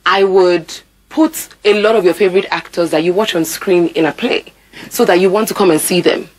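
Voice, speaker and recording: Speaking brisk and lowish, this Nigerian-accented actor and theatre producer in her thirties gives emphatic answers as an interview guest, repeating words for emphasis. The broadcast conversation takes place in an indoor TV studio, and she wears a lapel mic.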